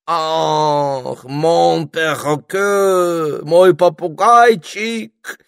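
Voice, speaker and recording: A man's voice: very slow, dry recording, clean studio sound, exaggerated voice. Madame Hortensia, a man doing a shrieking French engine. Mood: flirtatious. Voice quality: husky, shrill, theatrical. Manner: dramatic, squealing, flirtatious. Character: fussy elderly French female steam locomotive.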